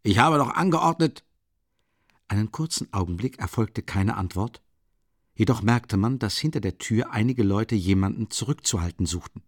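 A man reading an audiobook in measured, even scripted narration. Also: on the low side, breathy edge, no echo, studio quality. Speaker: audiobook reader.

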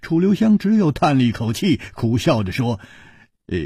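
A man's voice: on the high side, very animated, moderate pace, dark tone, slightly rough, no echo, clean studio sound. A man telling a martial-arts story in a dramatic, varied storytelling manner. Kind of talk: traditional storytelling.

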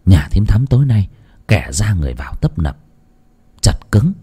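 A man's voice: fairly low pitch, very animated, normal speed, mellow, slightly rough. A man narrating a ghost story in a dramatic storytelling manner.

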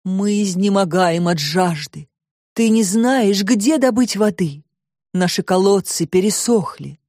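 A grateful young fairy-tale prince who speaks in solemn, ringing exclamations. A woman reader voices him. The recording is close and lively in pitch. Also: measured pace, dry recording. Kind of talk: audiobook reading.

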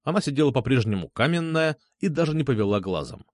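Man reading a story with lively pitch. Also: fast, dry recording, clean studio sound. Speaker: audiobook narrator. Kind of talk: first-person story reading.

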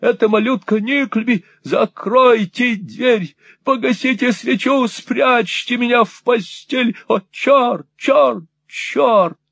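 A man's voice: medium pitch, sing-song, slow pace, no echo, heavily acted. A man voicing a vain, cowardly dandy who pleads and wheedles theatrically in an audiobook. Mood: panicked. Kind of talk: audiobook character voice.

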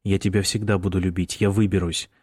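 A man reading the part of a desperate young male prisoner in an audiobook, speaking in hushed, urgent pleas. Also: sits low, flat delivery, a little fast, husky, no echo, clean studio sound. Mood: pleading.

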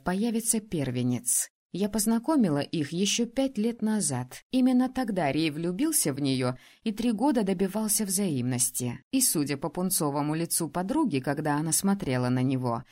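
A woman's voice: on the low side, dark tone. Woman reading a story aloud. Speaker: audiobook narrator. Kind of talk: first-person story reading.

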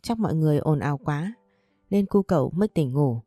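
A woman reading a story in a steady, measured manner. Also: low voice, no echo, clean studio sound, faint music behind. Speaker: narrator. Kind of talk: scripted audiobook narration.

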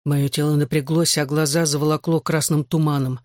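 A man's voice: a little high, little pitch movement, brisk, darkish tone, no room sound, clean studio sound. A man narrating a first-person novel as an audiobook, in a terse, intense manner.

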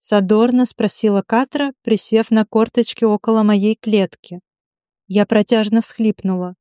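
A woman reading a novel in the first person as an audiobook, steady and even. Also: medium pitch, measured pace, smooth, no room sound, clean studio sound. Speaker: audiobook narrator.

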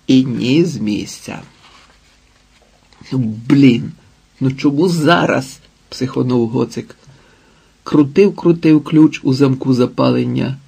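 A man narrating an audiobook in a calm, measured way. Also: mid-range voice, vocal fry, husky. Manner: calm, measured, unhurried reading. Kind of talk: scripted narration.

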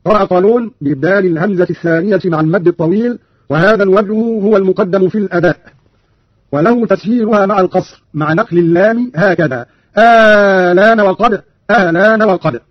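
Man, high voice, husky, dry and muffled lo-fi radio recording, brisk explanatory radio lesson. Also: no echo. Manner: brisk explanatory delivery with chanted examples. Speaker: Quran reading teacher. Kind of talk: radio lesson on recitation variants.

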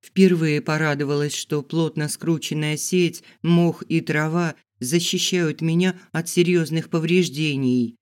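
A man reading an adventure story aloud, narrating in the first person with measured, expressive storytelling. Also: fairly high pitch, clean tone. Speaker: audiobook reader.

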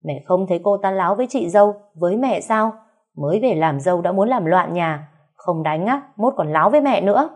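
A woman's voice: lowish voice, animated, moderate pace, dark tone. A woman voicing a hot-tempered young husband, barking scornful orders. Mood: angry shouting.

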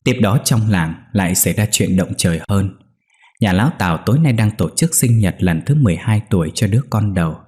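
A man narrating a ghost story in a steady, measured way. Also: low voice.

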